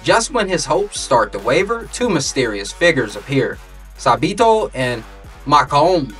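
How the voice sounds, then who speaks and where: A man's voice: fairly high pitch, sing-song, measured pace, fairly bright tone, breathy edge, recorded from a distance. A man narrating an anime recap from a script in a dramatic, ominous manner, like a movie trailer voiceover. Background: music.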